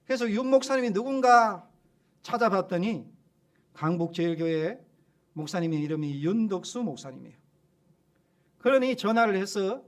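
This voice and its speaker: A male pastor preaches a sermon with a high voice for a man. He tells the story in an animated, lively way.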